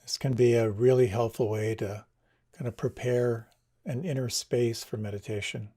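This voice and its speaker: A man leading a guided meditation, giving slow, soft, soothing instructions. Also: mid-range voice, fairly even intonation.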